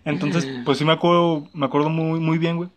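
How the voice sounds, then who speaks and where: A man's voice: on the high side, little pitch movement, fairly quick. A young man with a Mexican accent telling a personal story in casual, slangy chat, full of fillers.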